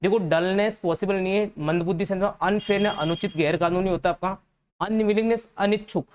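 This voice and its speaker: A man's voice: high-pitched, highs cut off. A man with a Hindi accent teaching an English vocabulary class for exam students. He explains each answer patiently and says the key words and their meanings more than once.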